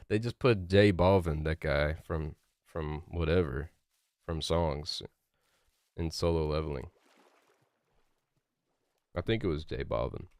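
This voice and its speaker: A young male streamer chats loosely with his viewers while gaming, rambling and laid-back, full of "like" and restarts. His low, medium-deep voice has big pitch swings, a slow pace and long pauses, recorded dry and close to a desk mic with no echo.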